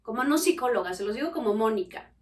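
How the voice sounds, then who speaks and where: A woman's voice: a little high, fast, distant mic. A woman, a podcast host and family coach telling personal stories to her listeners, acting out the voices she quotes. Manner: expressive, acts out quoted voices.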